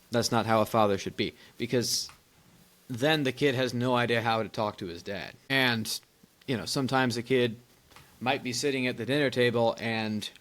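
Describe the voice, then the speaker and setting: With a medium-pitched voice, this young podcast co-host chats casually about his family. His stories come out animated and full of laughter, and he keeps rambling and restarting.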